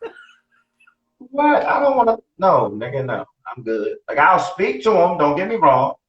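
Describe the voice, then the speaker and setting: In a fairly high, sing-song voice at a measured pace, this podcast co-host in his late forties talks bluntly and with plenty of profanity, frequently saying things twice. The casual show is recorded with a roomy, distant, dull lo-fi quality.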